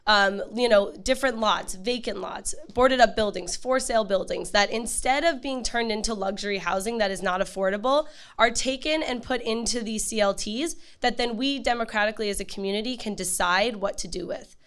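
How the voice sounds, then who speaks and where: A hoarse woman speaking to a community meeting as a campaign manager. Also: medium pitch, brisk, fairly bright tone. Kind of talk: prepared community meeting talk.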